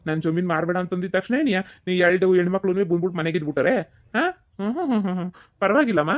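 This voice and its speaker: A man's voice: high voice, fast talker, close to an everyday voice. A man playing a teasing village brother in a comedy skit. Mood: defensive. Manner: teasing, mocking sing-song. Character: mocking village brother, young adult man.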